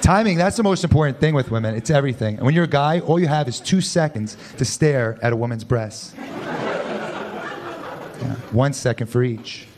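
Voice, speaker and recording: Deadpan man on a comedy club stage. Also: medium pitch, normal speed. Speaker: stand-up comedian. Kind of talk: stand-up set. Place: comedy club stage before a live audience. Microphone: handheld stage mic. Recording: loud club crowd and noise. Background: loud audience laughter.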